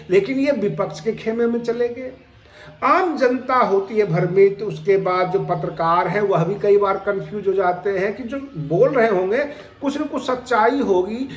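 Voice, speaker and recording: Echoey, argumentative male political commentator. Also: high voice. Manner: argumentative, rhetorical questions.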